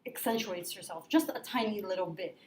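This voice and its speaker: A woman's voice: medium pitch, brisk. Blunt, informal woman in an echoey room. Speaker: discussion partner posing questions. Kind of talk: casual chat, debating. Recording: echoey room with faint noise.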